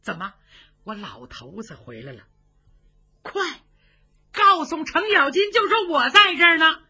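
A woman voicing a grieving old noblewoman who wails and pleads in long, drawn-out cries. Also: extremely high pitch, big pitch swings, sharp tone, voice pushed up, exaggerated voice. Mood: anxious. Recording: dull lo-fi recording.

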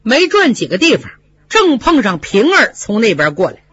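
A storyteller narrating a classic novel in a lively, conversational way, with asides to the listeners. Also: medium pitch, normal speed, husky, no room sound. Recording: dry, slightly dull lo-fi recording.

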